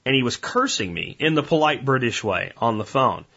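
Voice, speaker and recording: Bright, husky man on a lo-fi podcast. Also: mid-range voice, expressive, moderate pace. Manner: folksy, rambling, addresses listeners as guys. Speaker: podcast host. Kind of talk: casual podcast monologue.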